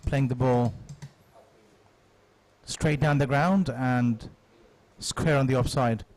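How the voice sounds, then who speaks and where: A man giving live cricket commentary in a measured, analytical manner. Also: medium pitch, a little mellow.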